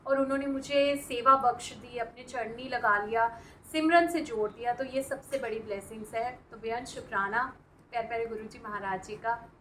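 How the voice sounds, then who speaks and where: A woman's voice: a little high, moderate pace, fairly bright tone, reverberant, a little hiss or hum, poor audio. A young woman earnestly sharing a devotional testimony, peppering her speech with filler words. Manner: earnest, fills talk with "na" and "means". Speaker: devotee sharing a spiritual experience.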